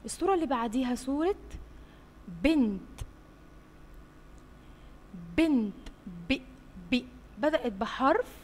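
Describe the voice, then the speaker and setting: A woman teaching young children in an Egyptian Arabic accent, slowly sounding out letters and praising them often. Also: sits high, very animated, darkish tone. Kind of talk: slow drawn-out phonics lesson for young children. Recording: roomy with long reverb, faint hiss.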